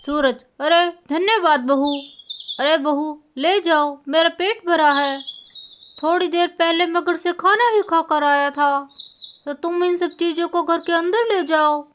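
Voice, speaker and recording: Woman putting on a kind old village uncle, slow gentle blessing voice, storybook, bright tense tone, still fairly high. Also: a little hiss or hum. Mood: kindly. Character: elderly village man, a kind maternal uncle. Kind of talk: storybook voice acting.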